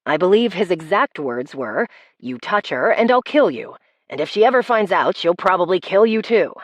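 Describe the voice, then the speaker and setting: A woman voicing a teasing young man in an audiobook, with a low, quiet, deadpan delivery. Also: normal speed, dry recording, lo-fi sound. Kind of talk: audiobook character voice.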